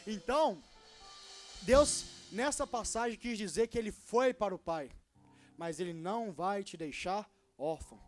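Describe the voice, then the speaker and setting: A man in his twenties from Brazil preaching a sermon and telling his own story, swinging between loud and hushed. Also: high-pitched, unhurried, soft background music. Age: 20s. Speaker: young preacher. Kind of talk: sermon with personal testimony.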